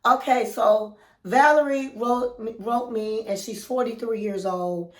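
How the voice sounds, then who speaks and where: Nasal from a cold, a relationship coach hosts her advice vlog, taking it slowly in a slightly high voice. She chats casually, addressing viewers as queens and honey. The room is echoey and the recording rough.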